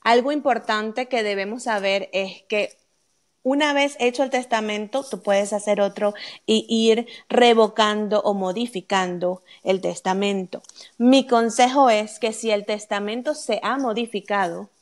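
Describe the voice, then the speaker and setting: Speaking at a measured pace in a mid-range voice, this woman explains answers about wills during a live Q&A chat. She takes listener questions one step at a time and keeps adding "ok?" to check in.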